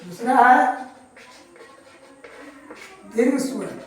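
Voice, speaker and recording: A woman teacher explains a lesson at an unhurried pace, going over each point twice. Her voice sits a little high. She sounds distant from the microphone in a strongly echoing room. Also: animated, darkish tone, soft background music. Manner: slow and explanatory, repeats points. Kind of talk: Hindi grammar lesson. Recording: very echoey room, far from mic.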